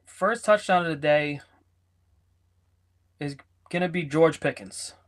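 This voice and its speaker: A man co-hosting a sports betting podcast, talking in a loose, rambling way. He jokes and teases his co-host in casual banter, and his voice sits a little high for a man. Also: takes it slowly.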